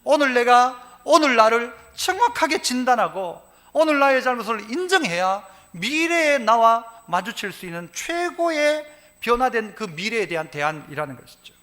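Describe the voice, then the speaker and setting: Man, Gyeongsang accent, pastor preaching; high, bright voice, very animated delivery, call-and-response with the congregation. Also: normal speed, few pauses. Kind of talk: sermon. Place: church sanctuary.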